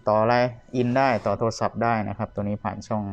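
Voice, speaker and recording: A man's voice: on the low side, flat delivery, fast talker, dull audio. A man giving a casual product review as a seller demonstrating vintage audio gear. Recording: clear background noise, clicking buttons, radio bleed. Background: radio or tape of the demonstrated player.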